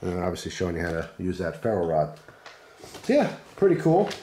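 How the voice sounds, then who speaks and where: Male gear reviewer, hoarse and congested with flu, lowish pitch, casual unscripted chatter. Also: huge pitch swings, fairly quick, warm tone, a little hiss or hum. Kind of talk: casual unscripted product commentary. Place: indoors at a wooden table.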